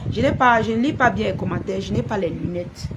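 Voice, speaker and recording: A woman's voice: medium pitch, brisk, muffled recording. A woman blogger ranting at her viewers on a live stream, confrontational and repetitive, scolding a rival. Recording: noisy background.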